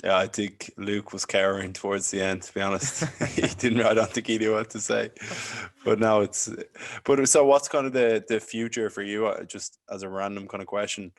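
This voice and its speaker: A man hosting a podcast, asking loosely phrased questions in a relaxed, casual way. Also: on the low side, moderate pace. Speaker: podcast host.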